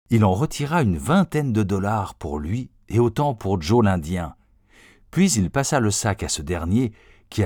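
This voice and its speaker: A man reading a storybook text aloud in an expressive, deliberate way. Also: lowish voice, dry recording, studio quality. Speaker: reader.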